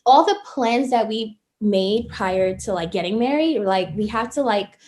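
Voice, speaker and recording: A woman interviewing in a casual, conversational way, reacting in an animated manner to what she hears. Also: a little high, a little slow, a little hiss or hum.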